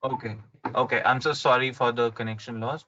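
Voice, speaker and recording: A man's voice: medium pitch, steady tone, fairly quick, pushed and bright, muffled recording, a little hiss or hum. A man presenting an online lecture. He sounds over a bad, dropping video call connection and checks apologetically whether he can be heard. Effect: bad connection, dropping online call audio. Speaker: webinar presenter. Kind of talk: online lecture on tax law.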